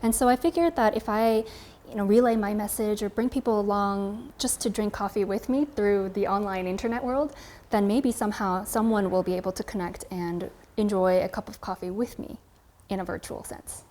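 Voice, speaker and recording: Telling her own story to camera in a casual, chatty, reflective way, a woman in her twenties from California speaks with an American accent; she's a barista who creates coffee content. The voice is mid-range and darkish at a normal speed, with slight background noise.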